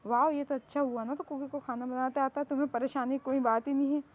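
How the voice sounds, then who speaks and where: A woman's voice: sits high, fairly even intonation, fast talker, phone-quality sound. A woman voicing a fond, chatty middle-aged mother in a spoken fan story. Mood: approving. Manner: approving, chatty.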